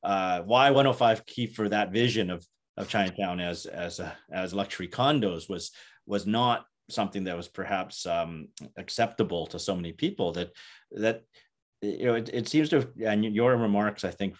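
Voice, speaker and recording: A man with a fairly low voice moderates an academic talk. He restarts his sentences often and fills the gaps with "uh" and "um". His tone stays thoughtful and measured. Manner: halting, many restarts and "uh"s. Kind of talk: moderated panel interview.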